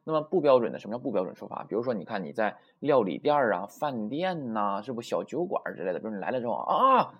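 A man's voice: medium pitch, very animated, fast, hardly any pauses, slightly rough, lo-fi sound. A man teaching a language lesson, drilling words emphatically through repetition. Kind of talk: classroom lesson.

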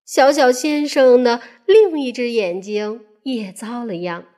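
A mother reading a picture book aloud to children in an expressive, playful way. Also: fairly high pitch, slow. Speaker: mother storyteller.

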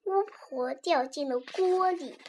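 A woman reading a children's storybook aloud, with an animated, expressive delivery. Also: high voice, slow pace, slight background noise.

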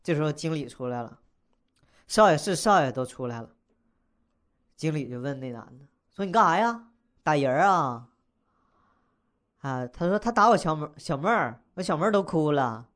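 A man's voice: a little high, expressive, a little fast, fairly bright tone. A young man telling a funny personal story in a casual, slangy, wisecracking way, chuckling as he goes.

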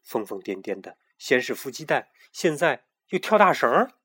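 一个男人给一只爱大惊小怪的小绵羊配音，说话絮叨又一惊一乍。. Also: male voice, mid-range voice, big pitch swings, moderate pace, fairly bright tone, breathy edge. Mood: alarmed. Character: little lamb, nervous gossip.

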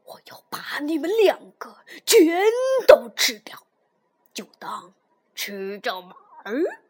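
A woman's voice: sits high, very animated, takes it slowly, slightly rough, exaggerated voice. Woman doing a huge roaring monster. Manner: roaring, loud.

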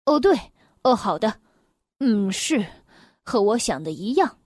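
A woman voicing a self-important rabbit playing doctor, pompous and deliberate. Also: on the high side, big pitch swings, a little mellow, no room sound, studio quality, voice pushed down.

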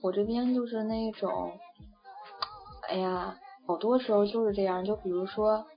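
A woman's voice: medium pitch, fairly even intonation, moderate pace. A young woman from China chatting casually and rambling, with many fillers and restarts. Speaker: interviewee. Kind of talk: casual chat. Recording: dull lo-fi audio with faint music.

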